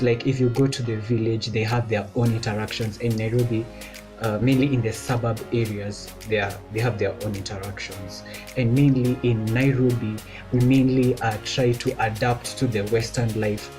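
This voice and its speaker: A man's voice: mid-range voice, steady tone, normal speed, mellow, faint music behind. A young man from Kenya talking casually on his vlog, loose and chatty with lots of filler words. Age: young adult. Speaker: vlogger. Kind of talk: casual chat.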